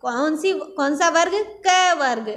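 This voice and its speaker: A woman teaching an online class to young pupils, slow and patient, asking questions and then answering them herself. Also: high voice, a bit bright. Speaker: primary school teacher. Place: Nagaur region, India.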